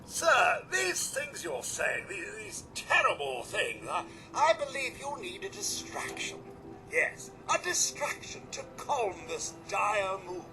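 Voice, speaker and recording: Codsworth, a polite robot butler. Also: male voice, very high-pitched, wildly swooping pitch, slow, over music, full character voice, low-quality recording. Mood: distressed. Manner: formal and courteous, calls the listener sir. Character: polite, fussy male robot butler, devoted to family. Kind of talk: video game voice acting. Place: game soundtrack with music behind.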